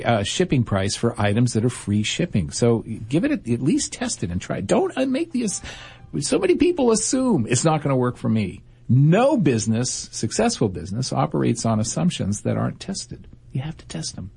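Emphatic male radio host, husky voice. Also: medium pitch, huge pitch swings, moderate pace, darkish tone. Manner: emphatic, opinionated advice. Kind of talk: radio talk show chat.

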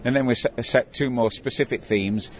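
A man's voice: medium pitch, fairly even intonation, moderate pace. An older man who works as a town crier, telling stories conversationally in an interview. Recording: dull recording with clear background noise.

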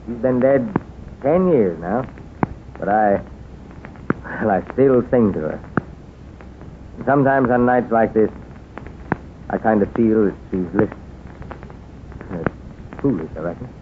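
An American actor playing a wistful, soft-hearted cowboy widower in a folksy, halting old radio western style. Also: male voice, lowish voice, animated. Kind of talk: 1930s radio western acting. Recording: tinny, noisy old radio recording.

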